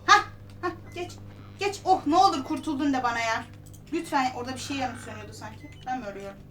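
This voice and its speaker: A fast-talking streamer with a high voice plays a horror game, chattering to herself, gasping and pleading nervously. Her voice sounds far off against the loud game music.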